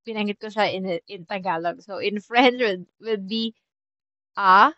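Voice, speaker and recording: A Filipino woman teaches beginners in an unhurried, chatty way, slowing down to repeat each example word. Her voice sits in an ordinary middle range and sounds dry and close, with a slightly dull, muffled recording. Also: mid-range voice, bright, forceful tone, dry recording. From Philippines. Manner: chatty, mixes Tagalog and English, repeats example words slowly. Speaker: French teacher. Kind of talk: casual language lesson.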